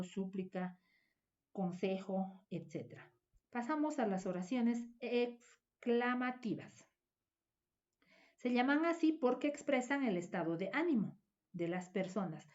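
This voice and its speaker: A woman teaches a grammar lesson at a mid-range pitch and walks through each point in a measured, step-by-step classroom manner. The recording sounds dull and slightly lo-fi, with the top end softened.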